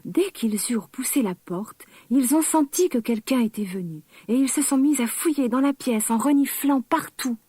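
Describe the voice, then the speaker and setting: Breathy woman reading a children's tale. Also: high voice, moderate pace, hardly any pauses, dark tone, no room sound, clean studio sound. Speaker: storyteller. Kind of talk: children's story narration.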